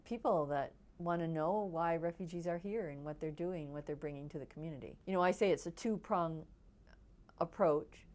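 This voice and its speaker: A woman's voice: deep voice, normal speed, darkish tone. A woman from Wisconsin who runs a nonprofit, explaining things steadily in a documentary interview. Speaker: nonprofit executive director.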